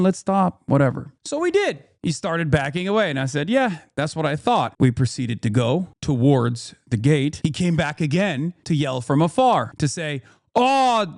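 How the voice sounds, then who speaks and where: A man's voice: on the high side, a little mellow, no echo, clean studio sound. Heated profane man ranting on stream. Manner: profane, heated, mocking impressions. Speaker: political streamer. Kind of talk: casual streaming rant.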